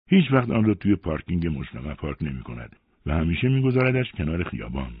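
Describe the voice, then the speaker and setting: A man narrating a first-person story aloud with an expressive storytelling delivery. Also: sits low, breathy edge, no room sound. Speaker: audiobook narrator. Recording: dry, phone-like narrow sound.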